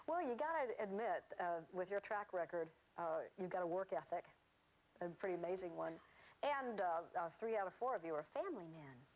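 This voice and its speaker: A woman hosting a television talk show, asking measured, probing questions. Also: fairly low pitch, expressive, a little mellow, rough recording. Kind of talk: television interview.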